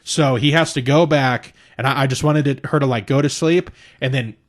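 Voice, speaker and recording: A man co-hosting a podcast in loose, casual chat. He talks in an animated, profane way and jumps into a raised voice whenever he acts out what someone said. His pitch sits in a middle range for a man. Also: normal speed. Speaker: podcast co-host.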